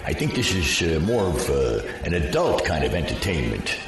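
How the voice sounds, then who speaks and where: A man's voice: very deep voice, big pitch swings, moderate pace, exaggerated voice. An actor playing a bumbling tough-guy private detective in a comic radio parody, with a dopey cartoon bellow and a stammer when flustered. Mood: hedging, flustered. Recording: echoey room, music behind.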